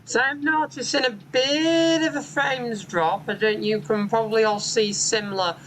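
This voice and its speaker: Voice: mid-range voice, steady tone, normal speed, fairly bright tone, slight background noise, rough recording. Chatty bus-sim host with many ums. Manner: chatty, explanatory, frequent "um" fillers. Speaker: bus simulator channel host. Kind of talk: gameplay commentary. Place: home room with a window onto a street.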